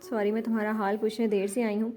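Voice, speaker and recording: A woman's voice: medium pitch, flat delivery, darkish tone, soft background music, close to an everyday voice. A woman voicing a sweet, cheerful young wife in a spoken novel, affectionate and coaxing.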